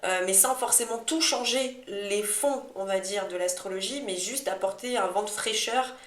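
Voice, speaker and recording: A woman's voice: mid-range voice, moderate pace, a bit bright. A talkative woman co-hosting a podcast, chatting casually and drifting into digressions as she tells her own story. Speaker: astrology podcast co-host. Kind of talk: casual conversational chat about personal experience. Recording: echoey room.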